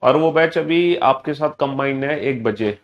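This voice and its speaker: A man teaching a live online class, energetic, repeating his phrases and mixing Hindi with English terms. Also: mid-range voice, unhurried, muffled recording, slight background noise. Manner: energetic, repeats phrases in sing-song greetings.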